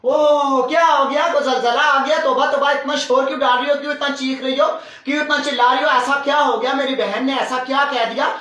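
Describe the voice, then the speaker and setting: A man voicing an exasperated brother who tries to calm a shouting woman in a comic sketch. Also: very high voice, a little fast, few pauses. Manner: exasperated, placating. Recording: roomy and distant.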